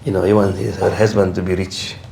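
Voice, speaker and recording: A man, an imam, preaches a sermon in a community hall, telling stories and acting out the people in them while switching between Indonesian and English. His deep, dark voice has vocal fry and little pitch movement, and he speaks at a moderate pace. The room is echoey with faint background noise.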